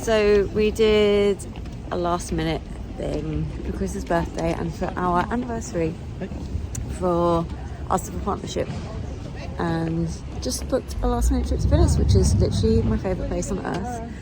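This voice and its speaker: A woman's voice: lowish voice, normal speed. A woman chatting casually to her handheld camera outdoors in a city, gushing and enthusiastic as she vlogs. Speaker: vlogger. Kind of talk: casual travel vlog chat. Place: outdoors in a city, partly on a bridge. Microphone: handheld camera while filming herself. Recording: loud outdoor urban noise.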